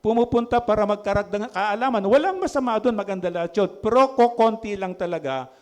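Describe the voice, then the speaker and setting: A middle-aged man with a Filipino accent, preaching a lively sermon in a church hall and asking the congregation questions. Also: high voice, fast. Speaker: pastor.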